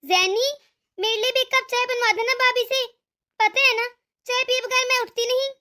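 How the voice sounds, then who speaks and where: Woman playing a bratty cartoon young bride: very high, bright and haughty. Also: fairly even intonation, moderate pace. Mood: demanding. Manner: haughty, demanding. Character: scheming young woman, spoiled younger daughter-in-law. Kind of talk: animated cartoon voice acting.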